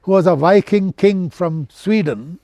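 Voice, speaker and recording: A man of ninety with a posh Indian accent, reminiscing as an interview guest in an educated, measured way with hesitant pauses. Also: sits high, dark tone, dry recording, clean studio sound. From central India. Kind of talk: reminiscing in conversation.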